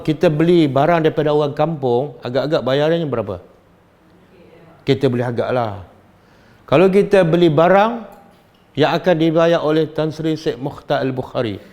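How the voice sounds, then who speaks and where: A middle-aged man with a Malaysian Malay accent, giving a religious study lecture and questioning his audience in an animated, teasing way. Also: a little high. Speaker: religious teacher.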